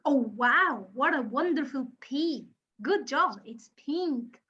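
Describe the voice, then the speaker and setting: A woman who speaks natively teaches a kindergarten class over a video call, her voice pitched very high and her delivery unhurried. She praises and coaxes in a sing-song manner. The lo-fi call audio sounds dull. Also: expressive, bright, forceful tone.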